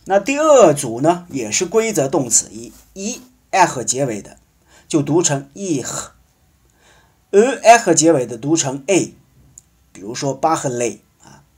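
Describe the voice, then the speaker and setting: A man leads a language lesson, patiently spelling out endings and stretching each example word. His voice is slightly husky and sits a little high, and it rises and falls a lot as he talks. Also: sing-song, darkish tone. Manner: slow, patient explaining with drawn-out example words. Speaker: French teacher.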